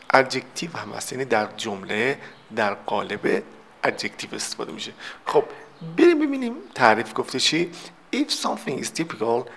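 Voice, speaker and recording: A man with a gravelly, fry-edged voice at a middle pitch teaches English vocabulary. He works through each word step by step, moving between Persian explanations and English example sentences. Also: fairly bright tone, slight background noise. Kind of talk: recorded vocabulary lesson.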